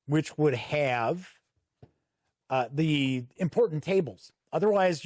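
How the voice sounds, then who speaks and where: A man hosts an unscripted tabletop game review, paging through a product and explaining things conversationally as he goes. His voice is on the high side and a little mellow, captured in clean studio sound with no echo.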